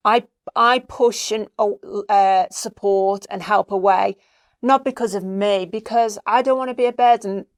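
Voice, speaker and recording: A woman's voice: mid-range voice, steady tone, measured pace, no echo, studio quality. A woman co-hosting a podcast who talks things through in long, thoughtful questions. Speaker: podcast co-host. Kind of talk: conversational questioning.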